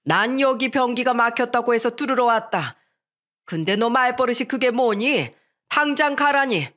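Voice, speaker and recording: A woman voicing a middle-aged working father who talks slowly and loudly with indignation, in a narrated radio story. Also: on the high side, lightly acted. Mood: indignant.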